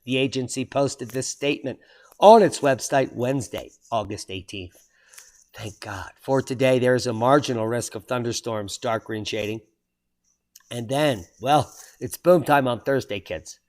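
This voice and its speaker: A man with a mid-range voice hosts his own channel, reading weather and earthquake headlines aloud at a moderate pace. It's solo commentary, and he breaks off for sardonic asides, exclaiming loudly whenever an item surprises him.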